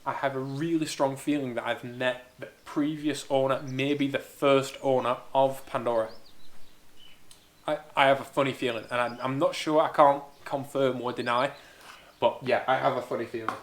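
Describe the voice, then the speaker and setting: A man's voice: mid-range voice, fairly even intonation, normal speed. A man who grew up in Spain, chatting enthusiastically as he answers viewer questions in a casual Q&A vlog about building a car. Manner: chatty, enthusiastic, thinking aloud. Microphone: small camera-mounted mic.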